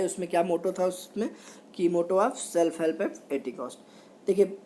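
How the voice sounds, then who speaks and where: Mellow-voiced male history teacher. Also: high-pitched. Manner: reads English notes slowly, then explains in Hindi; quizzes with repeated questions and "okay". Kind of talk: exam-prep history lecture.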